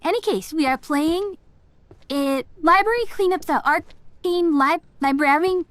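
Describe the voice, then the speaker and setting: Girl streamer w cute anime vibe, high bouncy voice, chill game chat, super dry close sound. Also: a little slow, a bit bright, no echo. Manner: reads titles aloud and murmurs reactions to them. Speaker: streamer hosting a game livestream. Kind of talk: casual livestream chat while playing.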